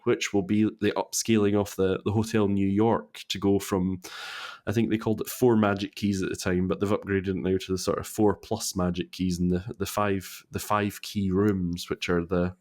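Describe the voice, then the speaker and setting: A man co-hosting a podcast, chatting casually in a rambling way with restarts and sudden bursts of excitement. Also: on the low side. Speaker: podcast co-host. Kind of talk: casual chat.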